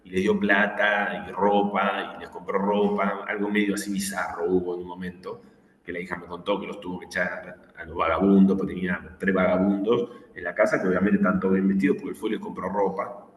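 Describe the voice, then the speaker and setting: A man's voice: low-pitched, little pitch movement, brisk. A man with a Rioplatense Spanish accent, lecturing an online class and telling anecdotes full of acted-out quotes and fillers. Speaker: teacher. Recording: echoey room with long reverb.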